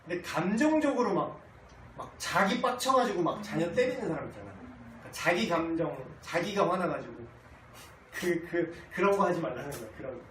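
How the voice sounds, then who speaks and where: A man's voice: a little high, moderate pace, slight background noise. A man in his thirties teaching a casual Bible class, blunt and joking as he tells family stories. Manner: blunt, joking, animated storytelling. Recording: echoey room, distant mic, faint ambience.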